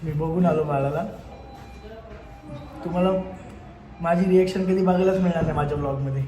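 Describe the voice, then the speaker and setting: A man's voice: fairly high pitch, steady tone, fairly quick. Chatty man in an echoey hospital corridor. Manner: chatty, laughing often. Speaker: new father, vlogger. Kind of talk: casual vlog talk.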